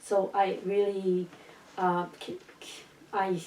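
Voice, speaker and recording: Middle-aged woman, English, halting, low and even, distant mic in a roomy space. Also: a little hiss or hum. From Bosnia. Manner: hesitant, many fillers and restarts. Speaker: interviewee. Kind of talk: recorded personal story.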